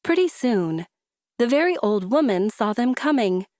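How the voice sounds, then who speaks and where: A woman reading a children's story aloud with deliberate, rhythmic, emphatic phrasing. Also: fairly high pitch, sing-song, a little mellow, no room sound, studio quality. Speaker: storybook reader. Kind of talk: expressive children's story narration.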